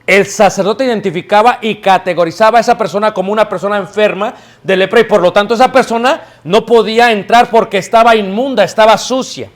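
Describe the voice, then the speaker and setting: A man preaching to a live congregation in a church, his pitched notably high. He tells stories with energy and keeps tossing questions out to the listeners so they answer back. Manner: lively storytelling, calls out questions to the congregation. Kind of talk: sermon.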